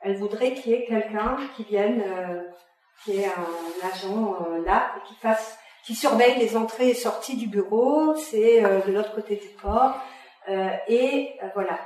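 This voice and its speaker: A woman's voice: medium pitch, measured pace, darkish tone, slight background noise. Hesitant woman in an echoey room. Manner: hesitant, many fillers, restarts. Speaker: writer explaining her dialogue. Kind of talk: casual spoken explanation.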